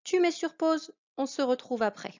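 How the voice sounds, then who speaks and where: A woman's voice: high voice, animated, normal speed, a little mellow, dull audio. A woman teaching a reading lesson to children, patiently spelling out syllables one by one.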